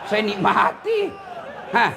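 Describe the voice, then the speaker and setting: A man from Indonesia, an Islamic preacher giving a humorous sermon, teasing and addressing the congregation directly in an animated way. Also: high-pitched, slow pace, gravelly, a loud crowd, very noisy.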